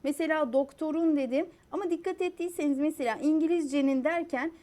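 A woman's voice: high voice, fairly quick, dark tone. A young adult woman teaching a lesson on spelling rules. She asks rhetorical questions, repeats key points and spells out letters one by one. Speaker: Turkish language teacher.

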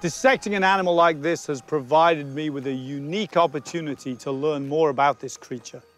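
A man's voice: on the high side, brisk, faint music behind. An older man presenting a nature documentary outdoors, explaining things to camera. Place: outdoors on grass by the sea.

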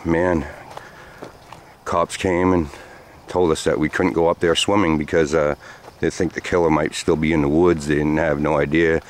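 On sandy trails by the woods, a very deep-voiced man vlogs as he walks, telling a story at a moderate pace in a level tone. His talk rambles loosely with many fillers, and the recording carries faint outdoor noise.

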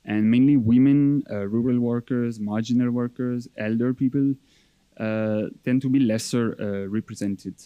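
A young man giving a conference presentation as an academic researcher, explaining in a measured, hesitant way. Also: medium pitch, fairly even intonation, smooth, no echo, highs cut off.

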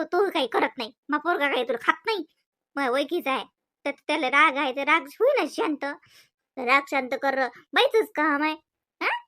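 Woman voicing a nagging varhadi mother-in-law in a cartoon, really high voice, dry sound. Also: fairly bright tone, no room sound. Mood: coaxing. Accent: Varhadi Marathi. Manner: nagging, keeps tagging questions. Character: scolding middle-aged village mother-in-law. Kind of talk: cartoon voice acting.

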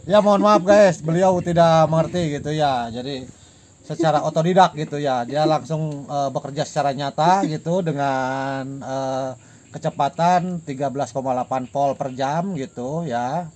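A man with a Sundanese accent hosting a casual comedic chat outdoors after dark, chatty, laughing often and calling his viewers guys. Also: fairly high pitch, normal speed. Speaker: host.

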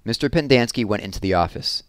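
A man reading a novel aloud in steady, even narration. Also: on the low side, fast talker, dry recording. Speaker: reader. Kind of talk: book read-aloud narration.

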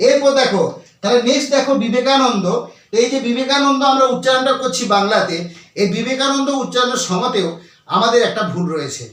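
High-voiced teacher in an echoey room. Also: male voice, quick pace, a bit bright. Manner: explains step by step, repeats key points, asks and answers own questions. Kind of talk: grammar lesson to students. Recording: very echoey room, voice far from the mic.

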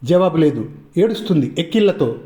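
Male storyteller, scripted narration, measured suspense, high pitch, warm tone. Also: expressive. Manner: measured, suspenseful reading with many questions. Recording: roomy echo.

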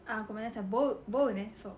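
A woman's voice: on the high side, steady tone, rapid-fire, darkish tone, a little hiss or hum. A young woman with a Kansai accent, chatting casually on a livestream and giggling as she thinks aloud while writing. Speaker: idol livestream host.

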